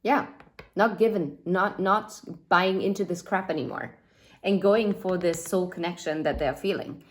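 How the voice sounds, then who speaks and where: A woman's voice: fairly low pitch, measured pace. A woman giving a casual tarot reading indoors by a window, chatty and rambling, with fillers and asides. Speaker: tarot reader.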